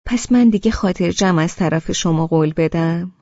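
A woman voicing a fond old grandmother who talks in a halting, motherly way, in an audiobook. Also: lowish voice, warm tone, dry recording, lo-fi sound. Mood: relieved. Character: sweet chatty old grandmother, hesitant and fond. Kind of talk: audiobook character reading.

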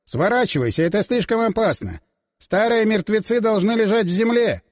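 Man doing a sarcastic storybook schemer, higher voice, lazy and condescending, reverb tail. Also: normal speed. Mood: mocking. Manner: relaxed, sarcastic, higher put-on voice. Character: mocking man, calm and condescending.

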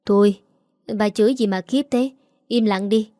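A woman's voice: mid-range voice, fairly even intonation, moderate pace, mellow, no room sound, studio quality, lightly acted. A woman voicing a kindly older housekeeper who speaks plainly and with motherly care. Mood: caring.

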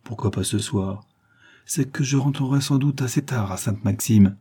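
A man's voice: mid-range voice, normal speed, warm tone, husky. A man putting on a breezy young woman swimmer.

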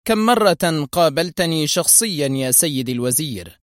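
A man voicing a defiant, arrogant male spy with a gruff voice and a curt, insolent delivery. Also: on the high side, expressive, normal speed, no echo, clean studio sound, voice pushed up, close to an everyday voice. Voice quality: gruff, hoarse.

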